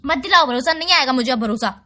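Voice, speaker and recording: A woman's voice: high-pitched, expressive, fast, sharp tone. A young woman on a phone call with her boyfriend, accusing him and talking over him as they argue. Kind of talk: heated couple phone call.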